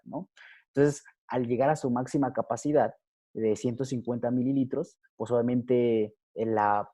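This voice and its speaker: A man giving a recorded physiology lecture over slides, halting, with many fillers and tag questions. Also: mid-range voice, mellow.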